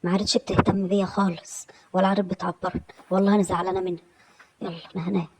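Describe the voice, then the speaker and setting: A woman's voice: on the low side, level tone, racing, background noise. A woman with an Egyptian accent in a comic inner monologue, grumbling and muttering to herself. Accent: Egyptian Arabic. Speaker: comedy sketch creator.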